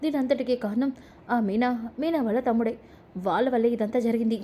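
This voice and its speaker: A woman's voice: on the high side, fairly quick, mellow, slight background noise, lightly acted. A woman doing a sly scheming daughter-in-law. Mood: accusing. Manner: sly, accusing.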